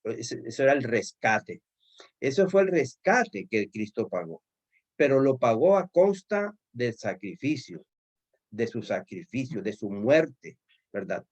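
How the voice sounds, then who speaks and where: A male pastor leads a Bible study with an earnest, storytelling delivery, often calling his listeners brothers. His voice sits at an ordinary middle pitch. The recording sounds dull and slightly lo-fi. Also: very animated, a little slow, breathy edge.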